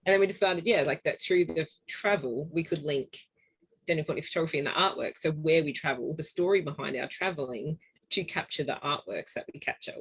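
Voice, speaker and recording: Bubbly, laughing Australian woman, husky voice. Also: low-pitched, a little fast, dry recording, rough recording. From Newcastle, New South Wales. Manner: bubbly, laughs often, frequent fillers. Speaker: podcast guest, travelling photographer's partner. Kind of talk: casual interview chat.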